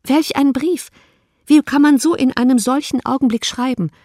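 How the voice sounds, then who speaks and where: A woman's voice: on the high side, moderate pace, warm tone, no room sound, clean studio sound, close to an everyday voice. A woman voicing a spirited, frank young woman who speaks with indignant emphasis in an audiobook reading.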